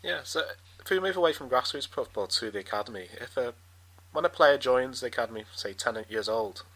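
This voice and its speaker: A man's voice: mid-range voice, expressive, brisk, fairly bright tone, poor audio. A man asking interview questions, a little tentatively, feeling for his words.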